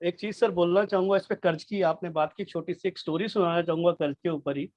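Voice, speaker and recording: A man telling a story during a casual panel chat, acting out the quoted voices with lively energy. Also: high-pitched, fast. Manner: animated, acts out quoted voices. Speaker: webinar co-presenter. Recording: dull dry sound.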